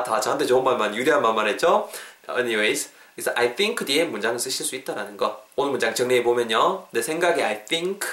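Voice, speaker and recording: A man's voice: mid-range voice, a bit bright. A man hosting a podcast English lesson, chatty and self-joking, who drills pronunciation by repeating words. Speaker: English teacher. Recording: echoey room.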